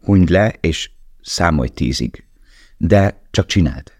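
A man reading the part of a young male prisoner tattooist, earnest and gentle in a storybook. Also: sits low, lively intonation, no echo, clean studio sound. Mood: tender.

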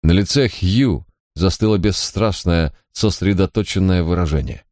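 A man narrating an audiobook in a measured, dramatic storytelling manner. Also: low-pitched, darkish tone, dry recording, studio quality.

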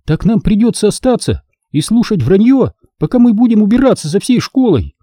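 A man voicing a hot-tempered teenage girl Jedi apprentice in an audiobook, quick to argue and indignant. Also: sits high, very animated, mellow, slightly rough, dry recording, clean studio sound, voice pushed up, full character voice. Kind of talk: audiobook character voice.

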